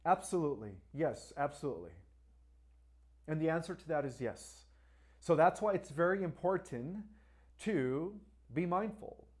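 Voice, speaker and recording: A man's voice: on the high side, animated, moderate pace, a little mellow. Emphatic man hosting a live Q&A. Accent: Spanish. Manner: emphatic, repeats "all right" and "right?"; asks viewers to like and share. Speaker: livestream host. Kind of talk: live-stream Q&A.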